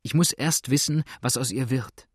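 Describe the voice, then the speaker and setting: A man's voice: medium pitch, normal speed, slightly rough, no echo, clean studio sound, natural voice. A man voicing an earnest young boatsman who pleads urgently and desperately. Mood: pleading.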